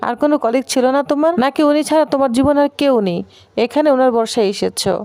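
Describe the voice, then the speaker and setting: A woman's voice: high voice, fast talker, a little mellow, dry recording. A woman voicing a jealous young wife who speaks in a curt, cutting way, in a retold serial story. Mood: bitter.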